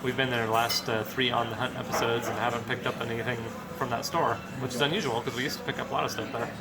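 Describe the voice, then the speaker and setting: This video game collecting vlogger talks fast in a medium-pitched, fairly even voice, with loud music playing behind him. Out and about at shops and a mall, he keeps up casual vlog chat and checks in with a companion often. Traffic and ambient noise fill the location recording.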